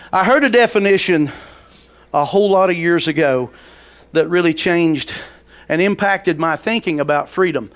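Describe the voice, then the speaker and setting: A man, preaching a folksy sermon in a church sanctuary on a headset mic, calling out to the congregation. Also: fairly high pitch. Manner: folksy, calls on the congregation, rises to loud preaching; paces the stage, gesturing. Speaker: pastor. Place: large church sanctuary stage.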